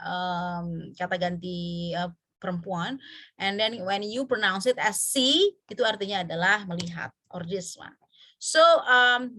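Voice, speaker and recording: A woman with an Indonesian accent teaching an English pronunciation class, drawing out example words slowly and pausing with fillers. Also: mid-range voice, sharp tone. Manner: slow, drawn-out example words with many fillers. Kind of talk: online class lesson mixing Indonesian and English.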